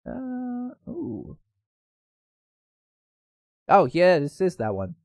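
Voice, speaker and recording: Animated man hosting news commentary. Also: high voice, extremely slow, creaky, dry recording, clean studio sound. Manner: casual, animated, reads posts aloud with stumbles. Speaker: host.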